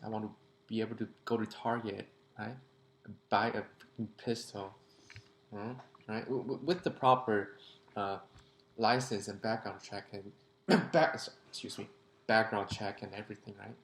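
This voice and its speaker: Gravelly, low-voiced man chatting casually. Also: fairly even intonation, moderate pace, reverberant. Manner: conversational, tags lines with "right?".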